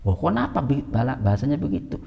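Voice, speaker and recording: A man preaching a religious lesson, asking questions and answering them himself, his pitch jumping up for emphasis. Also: very animated, fast, vocal fry, lo-fi sound. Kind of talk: religious teaching. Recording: long reverb in a hall.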